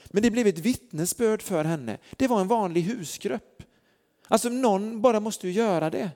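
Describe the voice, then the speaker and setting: High-voiced preacher in echoing hall. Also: male voice, darkish tone. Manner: earnest storytelling with many fillers. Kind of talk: sermon. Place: church hall. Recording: long church hall reverb.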